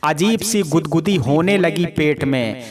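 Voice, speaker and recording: A man narrating a first-person family story in a calm, unhurried storytelling manner. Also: a little high, crowd noise.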